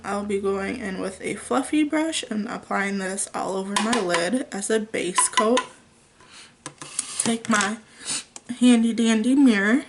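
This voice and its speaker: A young woman at home, chatting through a makeup tutorial in a casual, unhurried way with frequent ums. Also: a little high, slight background noise. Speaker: beauty vlogger.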